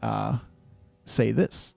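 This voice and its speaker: Brief: dark, gravelly male game master, unhurried scene-setting. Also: on the low side, no echo. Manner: measured descriptive narration with many fillers. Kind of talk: narrating a tabletop game.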